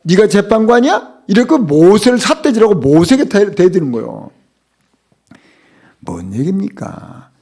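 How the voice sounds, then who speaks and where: A middle-aged man preaching a sermon as pastor, emphatic, putting rhetorical questions to the congregation and swinging between loud and hushed phrases. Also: high voice, big pitch swings, moderate pace, gravelly, pauses often, slightly rough.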